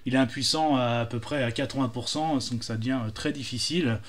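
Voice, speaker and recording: A man's voice: mid-range voice, fairly quick, slight background noise. A man telling jokes casually, hesitant, with many fillers and restarts. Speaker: joke teller.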